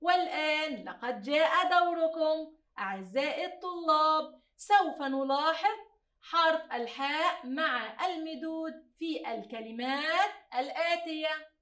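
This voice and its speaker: A woman teacher giving a slow phonics lesson to young pupils, stretching out each sound and praising them often. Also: high voice, animated, a bit bright, recorded from a distance. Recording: echoey room, voice a bit off-mic.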